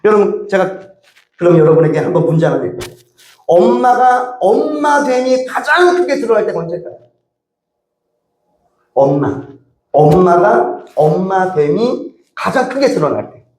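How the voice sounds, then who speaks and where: A male pastor preaching a sermon, acting out prayers and pleas in an animated way. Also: high-pitched, moderate pace, pauses often, reverberant. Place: church sanctuary.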